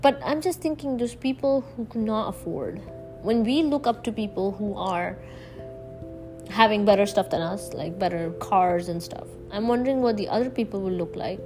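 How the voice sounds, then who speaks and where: A woman delivers a reflective solo podcast monologue over clearly audible music. Her voice sits at a middling pitch. She speaks haltingly, searching for words, and leans firmly on key ones as she addresses her listeners. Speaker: podcast host. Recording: music bed behind the voice.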